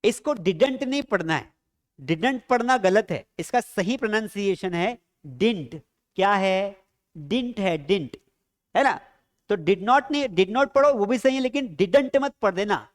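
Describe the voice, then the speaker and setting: A man's voice: sits high, animated, normal speed. A man teaching a spoken English lesson, explaining patiently, asking the viewers questions and drilling pronunciation.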